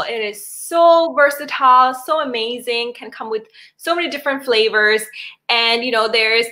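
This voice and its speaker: A woman's voice: a little high, pushed and bright. A woman from Sri Lanka giving a chatty health presentation on a video call, with many fillers and restarts. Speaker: wellness doctor presenting a webinar.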